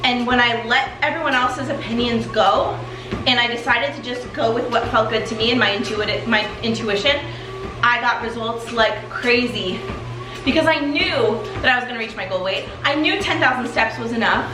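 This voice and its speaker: A woman with a fairly high voice gives a motivational, conversational coaching talk while walking in place for exercise. She is in a very echoey room, with music clearly playing underneath. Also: moderate pace. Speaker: weight loss coach and host. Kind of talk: motivational chat to followers.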